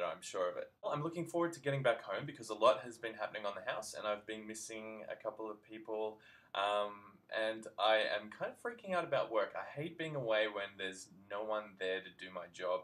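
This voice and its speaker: A man's voice: fairly low pitch, fast talker, fairly bright tone. A man with an Australian accent chatting casually to camera as a vlogger, rambling and making self-mocking asides.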